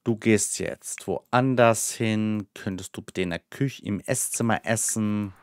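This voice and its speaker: A man's voice: fairly low pitch, unhurried, smooth, no echo. A man giving casual gameplay commentary and chatting to the characters on screen. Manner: chatty, talks to his game characters. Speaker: let's player.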